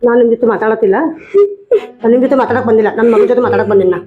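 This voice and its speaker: A woman plays a fed-up wife in a village comedy skit, speaking with a North Karnataka accent. She scolds her husband in a rapid, high, argumentative voice, with faint music beneath. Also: fairly even intonation, narrow, tinny audio, close to an everyday voice. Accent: North Karnataka Kannada. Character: angry wife who left her husband.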